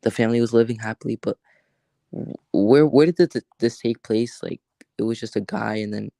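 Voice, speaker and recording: Halting, gravelly-voiced man hosting a livestream. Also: mid-range voice, dark tone, no room sound. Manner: rambling, halting, many fillers and restarts. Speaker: livestream host. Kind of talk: casual livestream chat.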